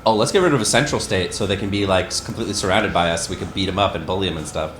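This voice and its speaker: A man co-hosting a podcast, joking in casual chat with deadpan asides. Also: low voice, racing, echoey room, background noise. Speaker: podcast co-host.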